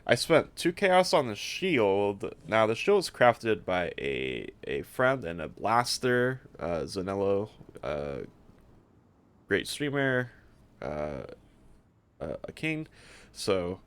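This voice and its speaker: In a slow, clear, resonant voice that sits on the low side yet swings widely in pitch, a man streams gameplay. He shows a character build, thinking aloud in an offhand and somewhat hesitant manner.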